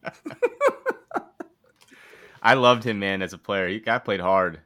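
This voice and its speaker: A man's voice: fairly low pitch, measured pace, sharp tone, clean tone. A man co-hosting a podcast, asking easygoing questions and recalling old games. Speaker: podcast co-host. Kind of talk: casual podcast chat.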